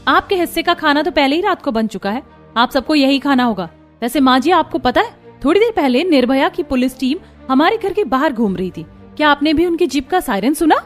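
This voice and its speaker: A woman's voice: sits high, expressive, a little fast, soft background music. A woman voicing a young outspoken daughter-in-law in a cartoon, speaking firmly and asking pointed questions. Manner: firm and questioning. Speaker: voice actor. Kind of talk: cartoon voice acting.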